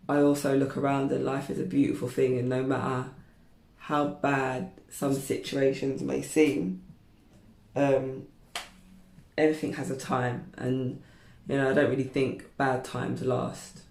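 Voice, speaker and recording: A beauty vlogger in her thirties chats candidly to the camera as she straightens her hair, rambling with plenty of fillers. Her voice is a creaky, mellow bass, and the room sounds echoey.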